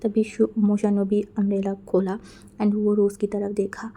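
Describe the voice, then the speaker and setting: A woman casually narrating a fan fiction story, chatty and lively, slipping English words into her talk. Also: medium pitch, moderate pace. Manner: chatty, mixes English words into Hindi, lively voices for characters.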